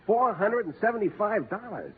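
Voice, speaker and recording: An actor playing a sad-sack, hard-drinking sidekick with a mournful, slow-witted manner in 1940s radio comedy. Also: male voice, sits high, sing-song, phone-quality sound. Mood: mournful, boozy. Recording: noisy, thin 1940s radio broadcast.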